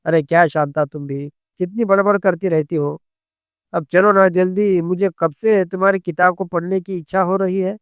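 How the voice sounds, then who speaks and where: A man's voice: sits high, fairly even intonation, moderate pace, clear, resonant tone, dry recording, clean studio sound, close to an everyday voice. A man voicing a coaxing, teasing husband in a storybook tale, pleading with his wife.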